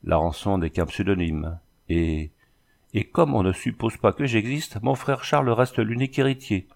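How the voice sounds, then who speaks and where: A man's voice: on the low side, normal speed, creaky. A man reading a storybook voicing a scheming middle-aged ship captain who gives curt commands.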